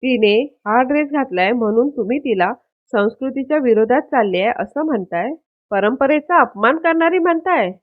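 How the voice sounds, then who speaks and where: A woman's voice: high voice, expressive, moderate pace, phone-quality sound. Brief: woman voicing firm, indignant young husband, phone-thin dry audio. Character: proud young husband defending his wife.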